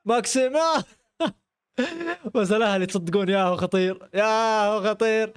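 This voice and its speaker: A man's voice: high-pitched, fast, clear, resonant tone, no room sound, studio quality. A young man from Arabia, reacting to football clips with frequent exclamations and laughter. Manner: excitable, exclaims and laughs often. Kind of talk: live reaction commentary.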